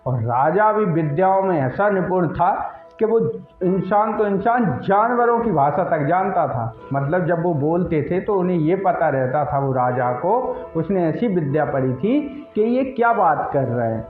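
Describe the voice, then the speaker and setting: A man's voice: sits high, animated, a little slow, hardly any pauses. Casual male folk-tale teller, chatty; phone-quality, echoey. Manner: chatty, loose, with fillers and restarts. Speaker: storyteller. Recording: tinny phone-like line, roomy echo, faint music.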